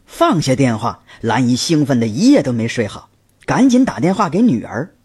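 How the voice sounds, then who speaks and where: Male storyteller, husky voice, lively rising and falling delivery, narrated story. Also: moderate pace. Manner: lively storytelling, raising his pitch for quoted voices. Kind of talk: scripted narration with acted dialogue.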